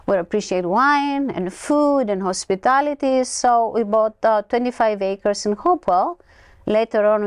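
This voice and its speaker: A woman's voice: medium pitch, no room sound. A woman in her sixties from Greece with a Greek accent, a chatty guest telling stories in a studio interview. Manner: chatty, expressive storyteller. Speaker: guest, winery co-owner. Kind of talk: conversational interview.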